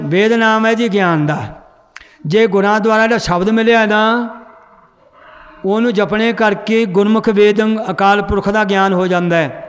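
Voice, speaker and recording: A man teaching a recitation class in a large hall, quizzing the students and correcting how they read. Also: sits high. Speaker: scripture pronunciation teacher. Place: large hall with a seated congregation. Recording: long hall reverb.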